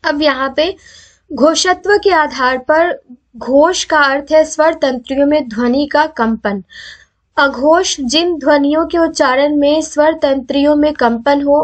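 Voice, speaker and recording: High-voiced woman teaching Hindi grammar. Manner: asks rhetorical questions and answers them herself; sounds out letters slowly for students to repeat. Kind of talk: exam-prep video lesson.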